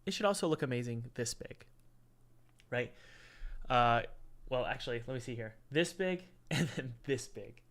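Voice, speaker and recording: Broadcasting from a cold room at home with the window open, a man hosts an indie game review livestream, rambling and repeating himself through chat and an ad read. His nasal, head-cold voice is mid-range and fairly bright, animated at a moderate pace with frequent pauses.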